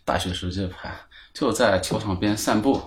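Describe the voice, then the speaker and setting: A man in his thirties, a podcast guest, explaining things at length in a relaxed way with lots of fillers. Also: fairly low pitch, fairly quick, slight background noise. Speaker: guest, club founder. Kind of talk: casual chat. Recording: roomy echo.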